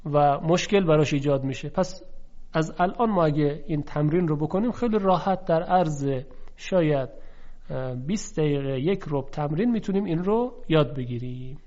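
A man teaches Quran recitation in a fairly high voice. He explains patiently and slowly sounds out pairs of letters to contrast them. The recording is dull and lo-fi. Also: lively intonation, darkish tone. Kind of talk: instructional lesson.

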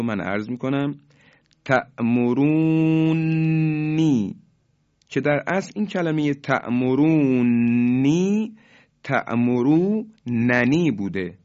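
A man teaching Quran recitation on the radio, explaining each rule and slowing down to model the recited examples. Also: mid-range voice, darkish tone, dry recording, dull audio.

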